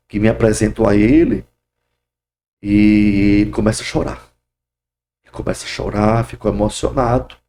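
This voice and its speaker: Middle-aged pastor, gravelly voice, fervent, breaks into praise shouts mid-story. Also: male voice, lowish voice, slight background noise. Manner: fervent, bursts of "glória" and "aleluia". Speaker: pastor, podcast guest. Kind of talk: testimony in a podcast interview.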